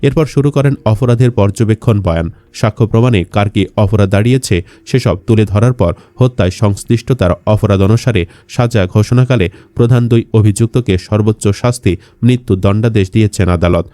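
A man's voice: on the low side, fairly quick, warm tone, dry recording. A man reading scripted news narration for an online channel.

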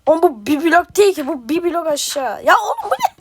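A woman giving playful, excitable gameplay commentary as a gaming streamer, trash-talking and reacting loudly. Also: very high voice, a little fast, noisy background. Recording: game music behind.

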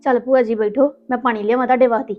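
A woman's voice: on the high side, fairly even intonation, racing, lightly acted. A woman playing a polite, conciliatory young wife in a Punjabi village family drama, speaking with a Punjabi accent. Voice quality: soft, soothing, polite. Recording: dull lo-fi with music.

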